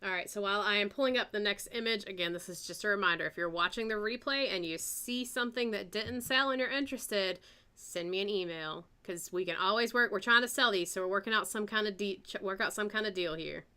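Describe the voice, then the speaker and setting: A woman with a Southern American accent hosts a live-stream auction in a relaxed, chatty way. Her voice has a bright, forward edge, and her pitch sits in the middle range for a woman. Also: clean tone. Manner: chatty, unhurried, reads out bids and details.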